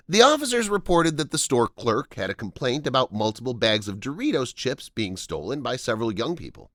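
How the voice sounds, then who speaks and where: Animated male narrator, dry close sound. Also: mid-range voice, no room sound. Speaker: narrator of a viral-story video channel. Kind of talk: scripted narration.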